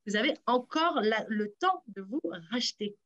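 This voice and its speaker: A woman hosting a radio sports quiz in a lively, teasing way, encouraging the contestants. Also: on the high side, normal speed, dull audio. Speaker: quiz host.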